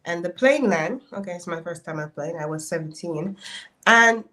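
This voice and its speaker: A woman's voice: lowish voice, lively intonation, normal speed, fairly bright tone. Playful Jamaican-accented woman storyteller. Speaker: guest. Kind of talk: casual interview chat.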